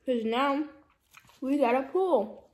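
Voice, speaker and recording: A woman's voice: sits high, slow. A young woman vlogger chatting casually while eating, her mouth full of soup. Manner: relaxed, rambling, talking while eating. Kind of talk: casual mukbang chat.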